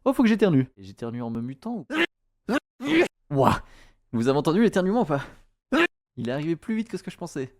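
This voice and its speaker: A man's voice: a little high, sing-song, fast, no room sound, clean studio sound. A man streaming a game in goofy live chatter, breaking into nonsense sing-song syllables, yelps and shrieks. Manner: loud shrieks and squeals. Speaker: gaming streamer.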